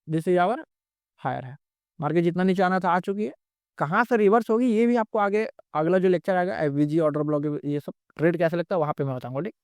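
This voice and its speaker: A man's voice: fairly high pitch, a little mellow, no echo, studio quality. A man teaching trading in a recorded lecture, explaining step by step and repeating himself often.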